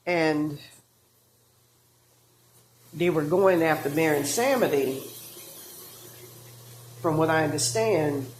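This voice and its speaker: A woman reading tarot, talking in a halting, rambling monologue with many fillers and restarts, woozy and out of breath. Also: sits low, darkish tone, a little hiss or hum. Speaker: tarot reader.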